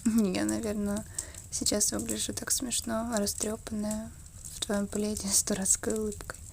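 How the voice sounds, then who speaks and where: A woman's voice: medium pitch, level tone, gravelly, noisy background. Intimate ASMR role-play, tender woman. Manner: intimate, tender, slow murmur drifting between soft voice and soft voice. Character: affectionate, wistful girlfriend murmuring by the fireside.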